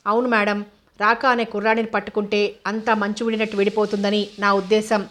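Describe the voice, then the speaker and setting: A woman's voice: mid-range voice, level tone, fairly quick, fairly bright tone, lightly acted. A woman voicing a deferential male police officer who answers his superior respectfully in a storybook reading. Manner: respectful, keeps saying "madam".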